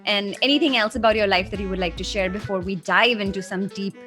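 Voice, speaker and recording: A woman's voice: mid-range voice, fast, sharp tone, faint music behind. A woman hosting a podcast, introducing her guest and chatting in a playful, teasing way. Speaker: podcast host. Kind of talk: casual podcast conversation.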